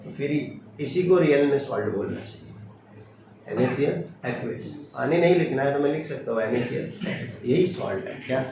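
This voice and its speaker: A man's voice: medium pitch, animated, normal speed, gravelly. A man teaching chemistry to a class in a firm, strict manner, often checking with short questions. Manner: firm, stern, quizzes students with short questions. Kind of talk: classroom lecture. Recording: echoey classroom from far off, noisy.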